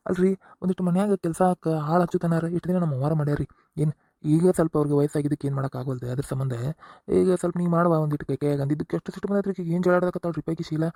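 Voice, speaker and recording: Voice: medium pitch, fairly even intonation, very fast, mellow, no room sound, studio quality, close to an everyday voice. A performer voicing an exasperated young husband in a cartoon comedy, with a North Karnataka accent, lecturing and scolding. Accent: North Karnataka Kannada.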